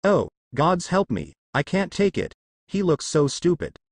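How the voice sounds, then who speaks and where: A man's voice: a little high, wildly swooping pitch, unhurried, slightly rough, dry recording, clean studio sound, pitched above the performer's own voice, exaggerated voice. A man voicing a crude, mocking young male sharpshooter in a storybook reading.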